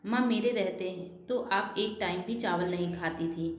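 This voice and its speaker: A woman's voice: mid-range voice, moderate pace, close to an everyday voice. A woman voicing a caring grown daughter who speaks earnestly and firmly, with a reproachful edge, recorded in an echoey room. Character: caring grown daughter, firm but polite.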